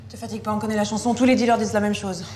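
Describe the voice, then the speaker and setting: A woman's voice: medium pitch, steady tone, rapid-fire, darkish tone, a little hiss or hum, natural voice. An actress playing a tough, sarcastic woman police detective interrogating a suspect in a crime TV drama. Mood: stern. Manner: curt, sarcastic.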